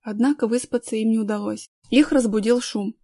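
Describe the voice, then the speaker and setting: Lady reading a kids' book aloud, fairly high voice, dry close sound. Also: fairly even intonation, a little fast, warm tone, dry recording. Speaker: narrator. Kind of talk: audiobook narration of a children's story.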